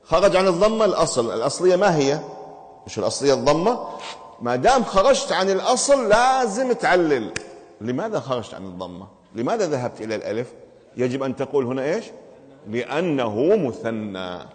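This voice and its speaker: A man's voice: a little high, big pitch swings, fast, in a large hall. A man teaching grammar to a class, asking the students questions and explaining each step insistently.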